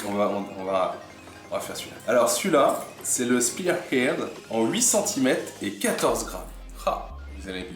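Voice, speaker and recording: Man, low voice, casual unboxing vlog, admiring, soft murmured asides, echoey room, faint background music. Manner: admiring, chatty, drops often to soft murmurs. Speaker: fishing channel host.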